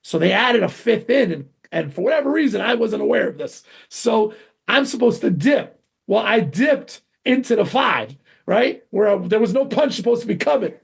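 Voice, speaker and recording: A middle-aged man, a martial arts grandmaster, telling animated stories in an interview, acting out quotes with sudden jumps in pitch. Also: creaky, slightly rough. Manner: excitable, acts out quotes with big pitch jumps.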